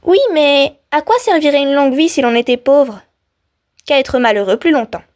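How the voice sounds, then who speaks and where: A woman voicing a quarrelsome peasant wife in a folk tale, with high-pitched melodramatic pleading. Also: moderate pace, natural voice. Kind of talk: storytelling for radio.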